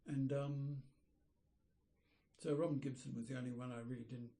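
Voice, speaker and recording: An older man, an architect, reminiscing in an interview, rambling and pausing to search for names. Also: mid-range voice, flat delivery, warm tone. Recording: roomy echoey room.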